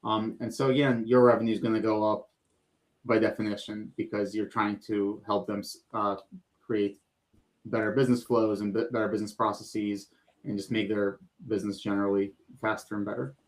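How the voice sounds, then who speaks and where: A man's voice: on the low side, level tone, a little fast, poor audio. A man co-hosting a casual panel chat over a video call, talking conversationally and voicing what one would say to clients. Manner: conversational, many fillers and quoted client talk. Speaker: co-host.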